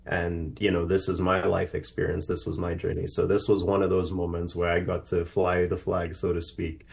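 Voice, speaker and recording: A guest on a live TV interview, a man from Trinidad and Tobago who works in aerospace, answers earnestly and reflectively with lots of fillers. His voice is low, gravelly and monotone, moving at a moderate pace.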